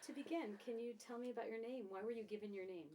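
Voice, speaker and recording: Brief: woman interviewer, mellow tone, polite, gently prompting questions. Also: fairly high pitch, quick pace, rough recording. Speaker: oral history interviewer.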